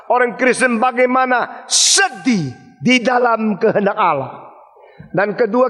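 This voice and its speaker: High-voiced man preaching in a hall. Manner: emphatic preaching with sudden shouts and drops to low tones. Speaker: pastor. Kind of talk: sermon. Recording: long reverb of a large hall.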